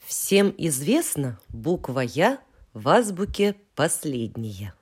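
A woman reciting a children's poem in an expressive, playful storytelling manner. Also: sits low, slow, breathy edge. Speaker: reader.

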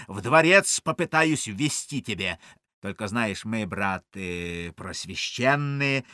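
A man voicing a sly, fawning male servant who talks in a hushed, wheedling, confiding way, as in a recited poem. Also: mid-range voice, no echo, clean studio sound, pitched below the performer's own voice.

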